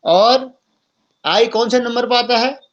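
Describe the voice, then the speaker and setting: A man's voice: very high voice, takes it slowly, highs cut off. A man teaching an online class, asking students questions and prompting their answers.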